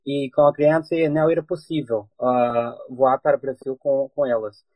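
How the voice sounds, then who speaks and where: A man, not a native speaker, with a foreign accent mixing European and Brazilian, chatting haltingly as an interview guest and searching for words. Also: mid-range voice, fairly even intonation, dry recording, phone-quality sound. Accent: foreign, mixing European and Brazilian Portuguese. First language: not a native Portuguese speaker. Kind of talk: casual chat.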